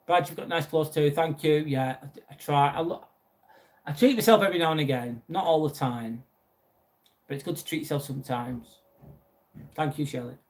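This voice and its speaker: A young man with a Lancashire accent from northwest England hosts a live video chat in a voice a little high for a man. He speaks at a normal speed with long pauses. Chatty and friendly, he reads out viewers' messages and answers each one.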